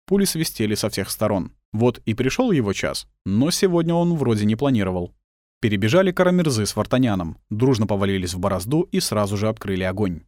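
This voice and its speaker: A man's voice: fairly low pitch, animated, a little fast, a little mellow, no room sound, clean studio sound. A man reading a war novel aloud as scripted audiobook narration.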